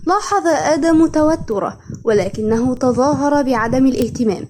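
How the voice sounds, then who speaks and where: A young woman reads out a novel summary as narration, in a formal storytelling manner. Her voice is high and mellow. The tone is measured and even.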